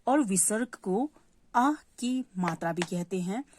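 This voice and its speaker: A woman's voice: medium pitch, lively intonation, takes it slowly, a little hiss or hum. A woman teaching a Hindi lesson to young children, patient, repeating key words and answering her own questions. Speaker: primary school Hindi teacher.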